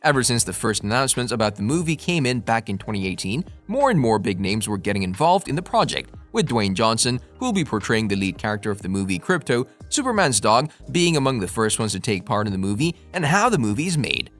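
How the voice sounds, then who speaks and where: Animated male narrator, swinging pitch. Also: fast, hardly any pauses. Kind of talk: scripted movie-news narration. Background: faint music.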